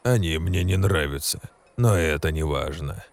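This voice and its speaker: A man voicing a stern aged orc shaman who speaks in slow, ceremonial pronouncements. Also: rumbling low, big-room sound, pitched below the performer's own voice.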